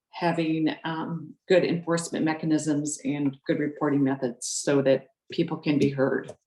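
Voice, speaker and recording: A woman on a video call giving a measured, prepared public comment, pausing often with ums. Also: low-pitched, darkish tone, roomy sound. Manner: measured, lots of ums between points. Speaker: public commenter, board director of a rental association.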